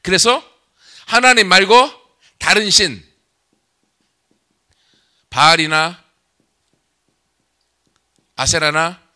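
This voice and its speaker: A man's voice: high voice, animated, drawn-out words, long pauses, pushed and bright. A male pastor giving a sermon in a conversational way, asking the congregation questions.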